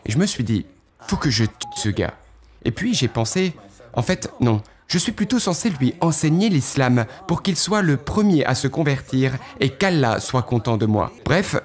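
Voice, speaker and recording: This guest gives a first-person testimony, earnestly walking back through his past thoughts. His mid-range male voice moves with very lively intonation and is broken up by dramatic pauses.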